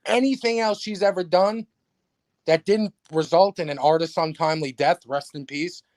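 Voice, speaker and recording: A man's voice: high-pitched, normal speed, a little mellow, no room sound, studio quality. A man with a New York accent hosting a podcast, ranting sarcastically and profanely in casual chat. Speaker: podcast host. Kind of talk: casual livestream podcast rant.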